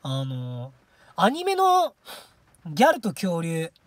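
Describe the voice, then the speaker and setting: A woman's voice: lowish voice, huge pitch swings, takes it slowly, no echo. A woman hosting a solo livestream radio show, chatting casually in a rambling, self-mocking way. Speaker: streaming radio host.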